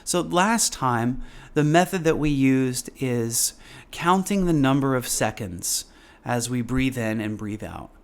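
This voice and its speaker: A man speaking as a meditation teacher in a casual live class, explaining informally with pauses and repeated phrases. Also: mid-range voice, animated.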